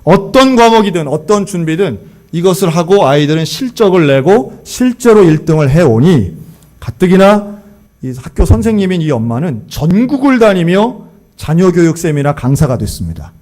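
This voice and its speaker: A man preaching a sermon, telling a story and acting out the quoted lines in lively voices. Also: high-pitched, normal speed. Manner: animated, acts out quoted dialogue. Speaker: pastor.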